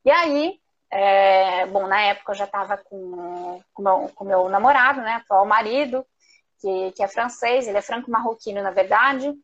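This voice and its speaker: Recorded with muffled sound over a remote video call, a woman with a Brazilian Portuguese accent chats expressively as a guest in a live online interview. Her mid-range voice moves at normal speed as she tells personal stories in a talkative, conversational way.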